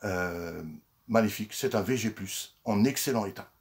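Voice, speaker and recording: A man's voice: fairly low pitch, moderate pace. An older man chatting casually about his secondhand finds into a phone, with lots of fillers and restarts. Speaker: secondhand collector vlogger. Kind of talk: casual chat.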